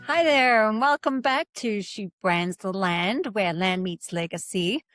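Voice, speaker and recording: A woman's voice: medium pitch, lively intonation, measured pace, a bit bright, soft background music. A woman hosting a podcast, chatting casually with a guest, laughing often and using lots of fillers. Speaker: podcast host. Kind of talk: casual interview chat.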